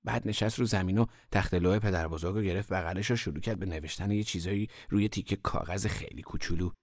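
A man narrating a first-person story in a relaxed, conversational storytelling manner. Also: deep voice, no echo, studio quality.

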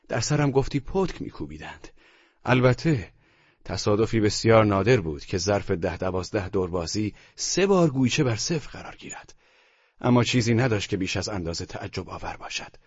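A man narrating an audiobook novel in an expressive, storytelling way. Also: on the low side, husky, dry recording. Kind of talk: scripted narration. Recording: dull, dry studio recording.

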